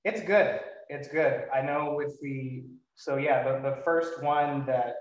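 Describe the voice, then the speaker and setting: A man's voice: medium pitch, slow. Echoey, distant man hosting a podcast. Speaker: podcast host. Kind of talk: casual chat, hosting an interview podcast. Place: indoors, in-person podcast recording. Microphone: microphone at some distance, no windscreen. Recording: echoey room, distant mic, dull sound.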